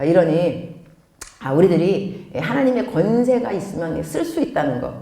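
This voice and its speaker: A middle-aged woman pastor giving a lively sermon, telling stories with acted-out dialogue. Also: lowish voice. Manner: animated storytelling with acted quotes and laughter. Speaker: pastor and missionary. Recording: echoey hall.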